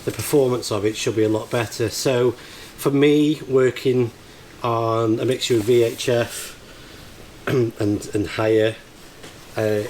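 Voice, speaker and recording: The audio quality is poor, though the on-location background noise is clear. In this casual vlog, an amateur radio operator with a slightly mellow, mid-range voice works through a hands-on task in a field and a barn, pausing hesitantly as he thinks out loud.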